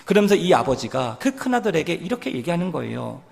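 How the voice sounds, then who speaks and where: A man's voice: on the high side, sing-song, fast talker, gravelly, darkish tone. A man preaching a sermon as pastor in a church sanctuary, with emphatic delivery that rises into fervent appeals. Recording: long church reverb.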